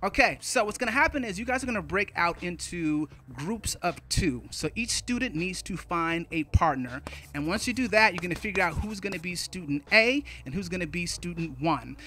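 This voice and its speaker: A man teaching a spoken-word poetry lesson, energetic and playful, often counting out rhythms aloud. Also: high-pitched, normal speed, soft background music. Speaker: teaching artist.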